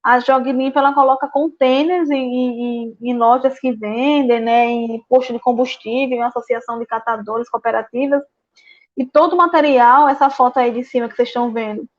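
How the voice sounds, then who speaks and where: A woman giving a slide presentation at a public event, with many filler words and halting restarts. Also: on the high side, fairly even intonation. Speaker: guest speaker on waste management. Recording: dull lo-fi sound.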